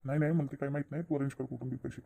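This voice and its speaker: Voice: mid-range voice, fairly even intonation, racing, gravelly, dark tone. A voice actor playing an insistent young man in a cartoon, begging his sister for money. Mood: pushy. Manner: insistent, pleading. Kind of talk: cartoon voice acting.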